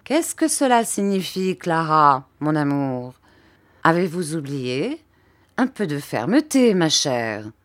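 A woman voicing a stern, controlling stepfather who speaks in a smooth, measured, menacing way. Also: deep voice, sing-song, full character voice. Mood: cold control.

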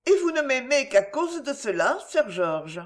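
A woman playing a young heroine in a raised, trembling voice, earnest and held back. She sounds torn and fragile, her lines lifting high above the narration. An audiobook character with lively pitch. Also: measured pace. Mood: emotional. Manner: tremulous, restrained, earnest. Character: shy, troubled young woman torn by love.

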